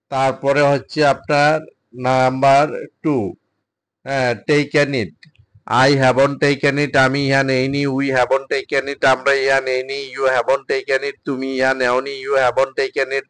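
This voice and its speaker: A man, a Bengali speaker, teaching English drills by reading each sentence slowly and then translating it. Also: mid-range voice, little pitch movement, fairly bright tone, clean tone, no room sound. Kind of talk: spoken English drill lesson.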